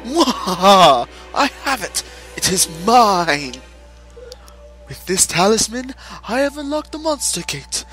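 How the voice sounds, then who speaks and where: A man voicing a gloating villainous dentist from a video game, with slow, theatrical menace. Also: high voice, sing-song, bright, forceful tone, faint music behind, full character voice. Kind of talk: reading game dialogue aloud in character.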